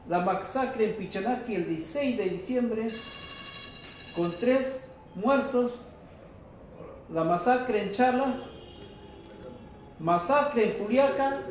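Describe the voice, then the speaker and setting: Slow, high-voiced man denouncing. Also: a little mellow. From Peru. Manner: deliberate, denouncing, addresses listeners as brothers. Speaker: activist speaking at a press conference. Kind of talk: press conference statement. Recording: echoey muffled room with faint noise.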